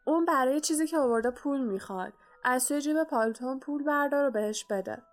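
A woman's voice: high voice, faint music behind, pitched above the performer's own voice, close to an everyday voice. A woman voicing a huge, good-natured male giant in a storybook reading, talking in a drowsy, easygoing, reassuring way.

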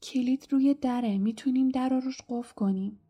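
A woman's voice: high voice, animated, slightly rough, heavily acted. A woman voicing a brave, curious eleven-year-old schoolboy in a storybook reading, speaking urgently. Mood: hushed. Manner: urgent, sometimes hushed.

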